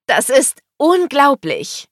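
A woman voicing an excitable, teasing young woman in a storybook, her lines raised and loud. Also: normal speed, no room sound, clean studio sound. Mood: thrilled. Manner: high, loud, exclaiming.

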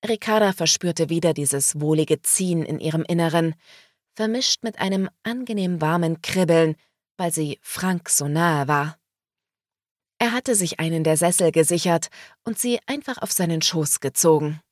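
A woman reading a novel aloud as audiobook narrator, in slow, even storytelling. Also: sits low, dry recording, studio quality.

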